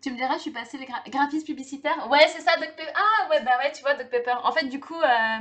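A woman in her thirties hosts a live cooking stream, speaking quickly in a high, fairly bright voice. She chats casually with her viewers, laughs often, and fills her talk with fillers and restarts.

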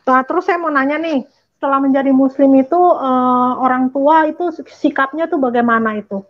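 Chatty high-voiced woman with a lilt. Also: normal speed, dull audio. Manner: chatty, laughs often. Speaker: host. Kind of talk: casual interview chat.

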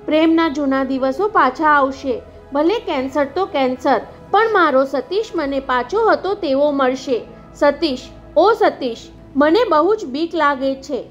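A woman's voice: high voice, expressive, unhurried, dull audio, soft background music. A woman narrator reading the lines of an anxious young wife who pleads for her husband's love. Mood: pleading. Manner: pleading, fearful.

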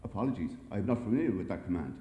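A man voicing a starship's computer that answers in a deadpan, literal way, recorded in an echoey library hall. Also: low voice, rapid-fire, lo-fi sound, pitched below the performer's own voice. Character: flat, pedantic male starship computer.

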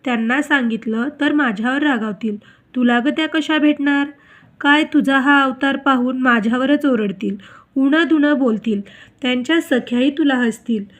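A woman reading as a jittery young maidservant in a devotional tale, firing off quick questions and pleading earnestly. Her voice is high-pitched and bright with worry. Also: natural voice. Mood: cautious. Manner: hurried questions, nervous pleading. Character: anxious young female maidservant.

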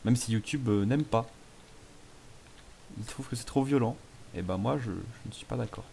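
A man's voice: medium pitch, moderate pace, creaky, dark tone, slight background noise. A man casually commentating a video game, playful and self-mocking as he chats with viewers. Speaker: gaming YouTuber. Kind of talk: casual let's play commentary.

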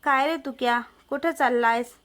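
A woman's voice: sits high, normal speed, a bit bright. A woman voicing a lecherous, threatening male village moneylender in a story. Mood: sly. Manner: threatening, coaxing. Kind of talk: storybook narration.

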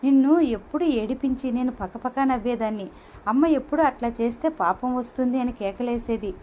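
A woman reading a hurt, quick-tempered young woman. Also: a little high, warm tone, muffled recording, slight background noise, lightly acted. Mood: bitter. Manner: pleading, reproachful.

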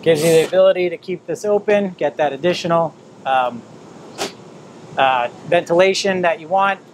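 A man in his fifties presents an informal product tour, explaining features as he moves around. His voice sits a little higher than usual for a man. It is picked up by a camera mic with light ambient noise behind it. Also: normal speed, poor audio. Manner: explanatory, pointing things out while moving around. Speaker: presenter of a camper trailer tour. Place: at an outdoor RV display, in and around a small trailer.

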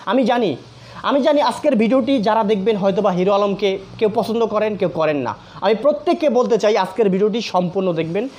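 A man's voice: high-pitched, a little fast, a little mellow. A man hosting a commentary video, speaking earnestly and appealing directly to his viewers, often repeating phrases for emphasis. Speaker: commentary channel host. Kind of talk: emotional social media commentary.

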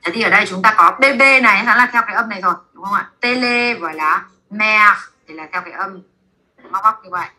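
In her classroom, a Vietnamese-accented woman leads a class through basic French, saying words slowly and repeating them for the students to echo back. Her medium-pitched voice sounds bright and forceful.

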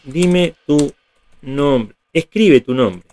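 A man's voice: a little high, very slow, a little mellow, soft background music. A man teaching programming step by step in a screen tutorial, often checking that viewers follow. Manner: patient, step by step, checks in with "¿está bien?".

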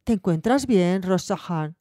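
A woman voicing a firm, no-nonsense farm mother who talks in a brisk, scolding way. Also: fairly low pitch, animated, dark tone, dry recording, studio quality.

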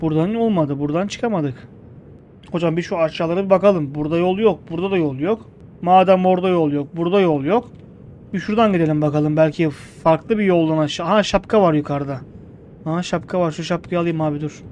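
An excitable young man commentates his gameplay with a fairly high voice, joking and shouting at the screen. A faint hum sits under the recording. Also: fast talker, dull audio. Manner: excitable, jokey, yells at the game. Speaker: gameplay streamer.

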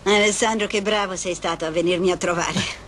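A woman's voice: lowish voice, fairly even intonation, brisk, loud music behind the voice, close to an everyday voice. Kindly, chatty elderly mother acted by a woman. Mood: warm, chatty. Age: older. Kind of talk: dubbed TV soap opera acting.

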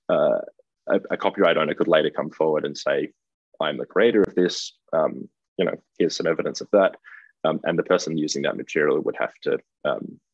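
A middle-aged Australian man presents a keynote from his office over a webcam, pausing on ums and restarting phrases. His voice sits very low with a husky edge. The audio is dull and lo-fi, with a dry, close sound. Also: darkish tone, dry recording. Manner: hesitant, frequent ums and restarts. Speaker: keynote speaker. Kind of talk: conference presentation over video call. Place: indoor office. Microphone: webcam video call.

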